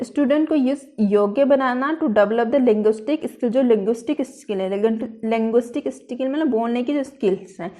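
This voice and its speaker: A woman teacher giving a lecture, who explains step by step and reads English phrases slowly, then restates them, with an Indian English accent. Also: high voice, dark tone. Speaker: teacher explaining a lesson plan. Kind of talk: classroom-style lecture.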